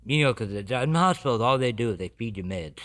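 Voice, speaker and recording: A man giving his personal recovery testimony as a podcast guest, earnest and halting with many restarts. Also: medium pitch, animated, a bit bright.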